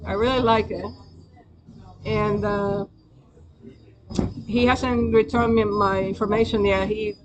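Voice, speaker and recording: Crowd noise and poor audio surround this Spanish-accented woman as she hosts a live stream. Speaking slowly in a steady, medium-pitched tone with long pauses, she rambles hesitantly to her viewers, often using fillers and starting over.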